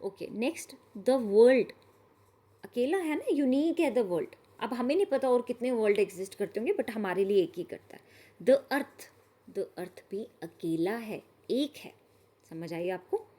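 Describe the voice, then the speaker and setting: Woman teacher, slightly high pitch, patient step-by-step grammar explanation. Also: lively intonation, mellow. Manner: explains slowly, asks the class if they understood. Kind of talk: grammar lesson.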